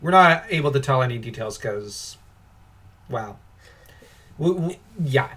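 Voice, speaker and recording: A man's voice: medium pitch, a little slow. A young man co-hosting a casual podcast, reading film reviews aloud and mocking them with sarcasm and frequent laughter. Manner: sarcastic, laughs often, animated ranting. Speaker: podcast co-host.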